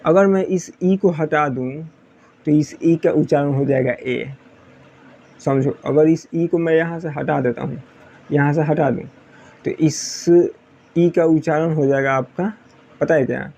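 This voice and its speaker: Gravelly-voiced man teaching pronunciation. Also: fairly high pitch, mellow. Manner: repetitive, asks students questions then answers. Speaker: English teacher. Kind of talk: classroom-style explanation.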